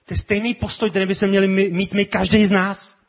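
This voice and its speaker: A man preaching a sermon with passion, often repeating his words and building to loud cries. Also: high-pitched, level tone, muffled recording. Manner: impassioned, repetitive, builds to shouts.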